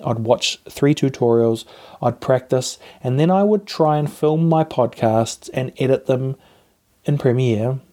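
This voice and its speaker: A man gives casual advice as a podcast host, speaking into a lapel mic. His tone is dark and relaxed, and he coaches listeners informally with encouragement. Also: medium pitch, measured pace. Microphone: lapel mic plugged into a phone.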